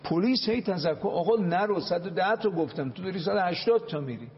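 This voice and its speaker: A man's voice: sits high, animated, dull audio, slight background noise. A man, a cleric on a talk show, preaching with Arabic quotations and dramatic, emphatic acted quotes.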